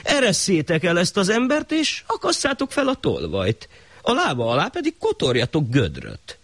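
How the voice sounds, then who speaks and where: A man's voice: sits high, wildly swooping pitch, fairly bright tone, breathy edge, dry recording, voice pushed up, heavily acted. A man voicing a foolish, hot-tempered old shah in a folk tale, speaking in an imperious, pompous way.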